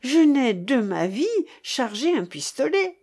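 A timid, plump man of law, pale with fear and flustered, his protests rising higher, as a woman reads him in a storybook. His pleading lines leap about in pitch. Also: big pitch swings, slow, darkish tone, full character voice.

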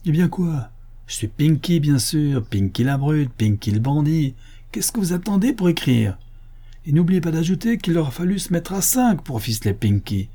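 A man's voice: mid-range voice, sing-song, moderate pace, mellow, breathy edge. A man voicing a brawling, boastful bandit who roars his defiance at the police. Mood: defiant roaring. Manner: roaring, defiant.

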